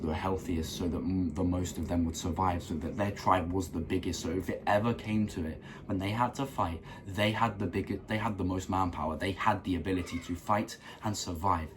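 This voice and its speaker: A young man giving an earnest motivational talk to camera, repeating phrases for emphasis and clearing a rough throat. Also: deep voice, background noise. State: keeps clearing his throat. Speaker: self-improvement vlogger.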